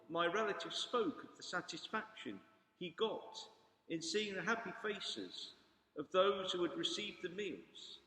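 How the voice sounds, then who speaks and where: A man giving a Gospel reading and homily as a priest, in a solemn, measured and formal pulpit manner. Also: sits high, fairly bright tone. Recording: echoey hall with long reverb.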